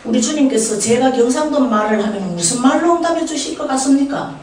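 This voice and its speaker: An older woman with a Gyeongsang Korean accent delivers a lively, joking sermon, asking the congregation questions as she goes. Her fairly high voice swings widely in pitch. She is heard from a distance in a very echoey church hall, with a faint hiss underneath. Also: fast talker. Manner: humorous, chatty, asks the congregation questions. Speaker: prayer house director preaching. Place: church sanctuary.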